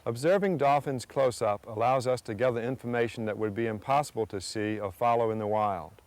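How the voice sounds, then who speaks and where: A man reading scripted nature documentary narration in a measured, earnest way. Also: mid-range voice, darkish tone. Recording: music under the voice. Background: background music.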